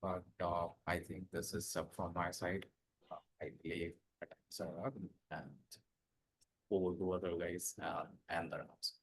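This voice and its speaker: A man giving a personal career account as a guest speaker in an online session, in a hesitant, halting way. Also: low voice, little pitch movement, slightly rough, poor audio.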